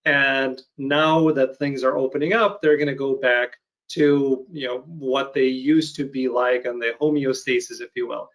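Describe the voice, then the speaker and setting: A man in his thirties from Ukraine hosting an interview over a video call, talking in a thoughtful, measured way with frequent pauses. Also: medium pitch, steady tone, fairly bright tone, rough recording. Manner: thoughtful, measured, hesitant with fillers. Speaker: podcast host. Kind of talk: casual interview chat.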